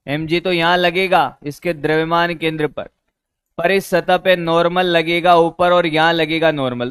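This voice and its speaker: Slow-talking high-voiced man teaching. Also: fairly bright tone, smooth, no echo. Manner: repeats questions to students, calls them beta. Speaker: physics teacher. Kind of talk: classroom lecture.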